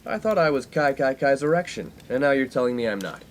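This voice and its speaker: An actor voices a pompous young college man who chases skirts and delivers grandiose, wordy speeches in a 1950s radio comedy. His mid-range voice is brisk, close to everyday speech, and lively in intonation, with an obsequious mood and slight background noise.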